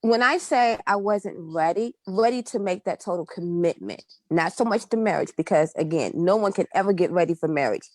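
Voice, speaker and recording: A woman's voice: lowish voice, expressive, normal speed, hardly any pauses, no echo. A woman on a group call, talking candidly and reflectively in a casual discussion.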